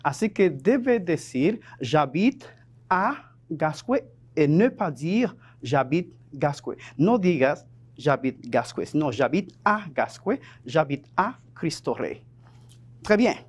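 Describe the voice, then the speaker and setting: A man teaching a lesson on television, his pitch rising and falling with a lot of movement. He talks slowly and patiently, repeating each example as he goes back and forth between French and Spanish. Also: big pitch swings, breathy edge.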